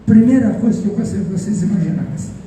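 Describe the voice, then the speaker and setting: A man's voice: high voice, fast talker, dark tone, slight background noise. A man with a Brazilian accent giving an interactive psychology talk to an audience, joking and leading a guided imagery exercise. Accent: Brazilian Portuguese. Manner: playful, joking, questions the audience. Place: event hall with audience. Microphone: recorded from a distance. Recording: echoey hall from far off.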